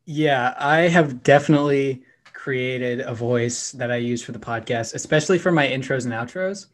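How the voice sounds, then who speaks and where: Young male podcaster, mid-pitched, energetic casual chat. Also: moderate pace. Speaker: podcast host.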